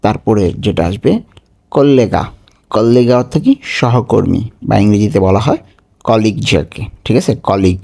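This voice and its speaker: A man with a low, mellow voice teaches a vocabulary lesson. He says each word and its meaning several times over. He keeps checking that his listeners follow. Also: lively intonation, vocal fry. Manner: repeats each word slowly, asks checking questions. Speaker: language teacher.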